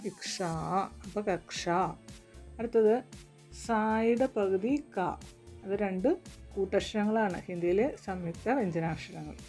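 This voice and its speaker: Gentle woman teaching children. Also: medium pitch. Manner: slow, syllable-by-syllable spelling. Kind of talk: children's reading lesson.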